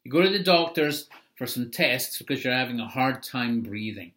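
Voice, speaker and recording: A man's voice: medium pitch, expressive, normal speed, bright, forceful tone. A middle-aged man preaching a sermon in a conversational, explanatory way, with asides. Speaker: pastor.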